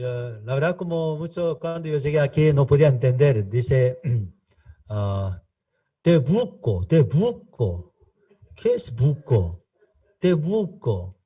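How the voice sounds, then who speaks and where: Slow, deep-toned pastor speaking Spanish. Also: male voice, mellow, recorded from a distance. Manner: halting, repetitive non-native Spanish with frequent tag questions. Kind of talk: Bible seminar teaching.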